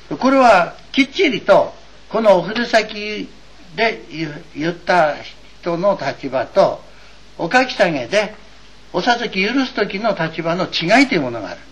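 Captured on a dull lo-fi recording with faint hiss, a high-pitched, somewhat bright male voice belongs to an older religious teacher from eastern Japan. He gives a doctrinal lecture that is earnest, wry, and prone to digressions.

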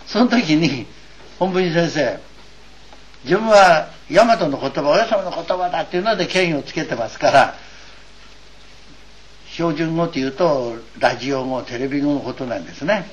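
A man's voice: a little high, animated, normal speed, long pauses. An older man from eastern Japan gives an earnest, wry and digressive doctrinal lecture as a religious teacher. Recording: dull lo-fi recording with faint hiss.

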